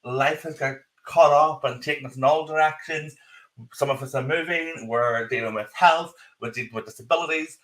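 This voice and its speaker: A man's voice: fairly high pitch, normal speed, fairly bright tone. A man with a strong Northern Irish accent, hosting a live podcast in a casual, chatty style. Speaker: podcast host. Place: office. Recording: roomy echo on the voice.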